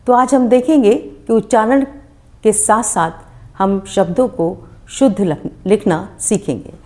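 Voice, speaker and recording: A woman teaching a grammar lesson, asking her own questions and answering them, and slowing down to sound out each word. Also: medium pitch, dark tone. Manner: slows down to spell out words syllable by syllable. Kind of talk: spoken lesson.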